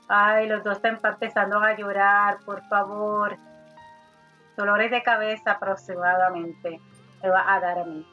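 A woman's voice: medium pitch, bright, forceful tone. A woman giving casual gameplay commentary, chatting to her character as "daughter" and swearing mildly. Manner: chatty, talks to her sim as "hija", mild swearing. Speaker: gaming youtuber. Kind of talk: casual let's play commentary. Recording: slightly dull audio with faint game music.

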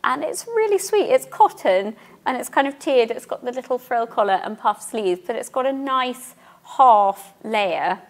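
A woman's voice: on the high side, expressive, moderate pace. Friendly woman on a studio sofa. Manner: friendly, eager, agrees a lot. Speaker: co-presenter. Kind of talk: casual studio chat.

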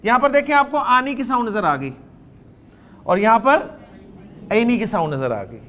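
A man's voice: very high-pitched, lively intonation, normal speed, a bit bright. A man with a Pakistani accent teaching Arabic grammar in a classroom lecture, quizzing his students and dictating phrase by phrase.

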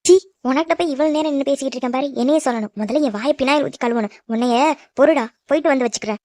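Quick high-pitched woman, cartoon dub. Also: a little mellow, no echo. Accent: Tamil. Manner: scolding and teasing. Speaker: voice actor in a cartoon. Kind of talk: animated cartoon dub acting.

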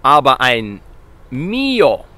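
A man teaching basic Italian in a casual video lesson, lively, asking questions and repeating words slowly and loudly. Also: medium pitch.

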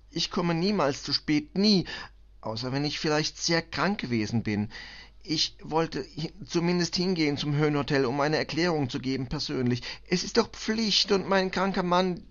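A man voicing a distraught middle-aged immigrant cleaning woman, who speaks halting, broken German with a Balkan accent through tears. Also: a little high, a bit bright, dull audio, voice pushed up. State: tearful.

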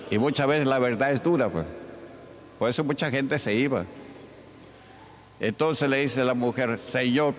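A male pastor from Peru preaching a sermon in a church hall, calling out questions to the congregation and acting out the voices of Bible figures. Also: mid-range voice. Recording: reverberant church hall with faint ambient noise.

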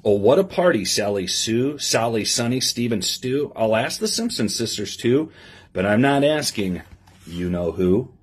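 In a small indoor office, a middle-aged police lieutenant holds a read-aloud story time for children, his mid-range voice unhurried and expressively sing-song. He pauses for simple instructions and asides to the young listeners, while clicks sound in the clear background noise.

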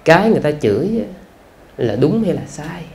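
A man, a Buddhist monk with a Southern Vietnamese accent, giving a conversational dharma talk full of rhetorical questions and drawn-out "à" fillers. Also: fairly high pitch, sing-song, creaky, a little mellow, slight background noise.

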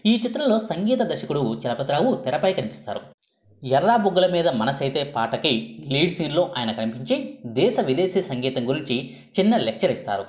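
Lively male narrator in an echoey room. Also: a little high, moderate pace. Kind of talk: scripted documentary narration.

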